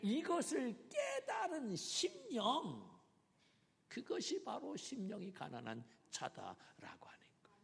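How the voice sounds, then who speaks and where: A male pastor preaching a sermon dramatically, swinging between loud emphasis and whispers. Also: very high voice, wildly swooping pitch, slow, creaky, long reverb tail.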